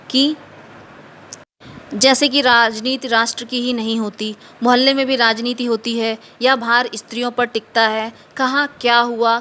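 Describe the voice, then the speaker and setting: Female storyteller, fairly high and bright, steady measured reading of a short story. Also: a little hiss or hum.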